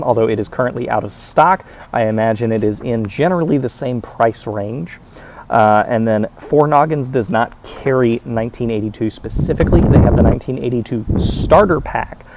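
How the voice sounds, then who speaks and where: A man talking casually to viewers as a reviewer, explaining methodically with hesitant pauses. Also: mid-range voice, darkish tone, slight background noise. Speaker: pipe tobacco reviewer.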